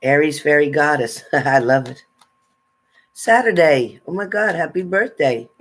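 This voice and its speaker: A man from New Jersey, a tarot reader, keeps things casual and unhurried on his livestream, his somewhat high voice carrying a fairly bright tone. He laughs often, shares friendly advice, and greets and thanks viewers by name.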